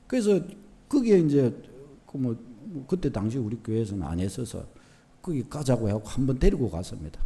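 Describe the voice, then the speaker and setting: Male pastor, high lively voice, dramatic sermon delivery swinging from quiet to loud. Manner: animated, shifts from soft to loud, acts out short dialogues. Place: church sanctuary.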